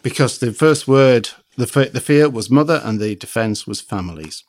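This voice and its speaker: Around sixty and Liberian-born, this man reads a short story aloud to a writing group, then chats a bit hesitantly. His mid-range voice has lively intonation and a moderate pace, and he repeats words when he's unsure.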